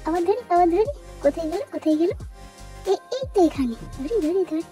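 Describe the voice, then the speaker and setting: Very high squeaky girl doll, bossy and stubborn, mellow tone, faint music behind. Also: expressive, a little fast. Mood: playful. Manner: childlike, squeaky, scolding.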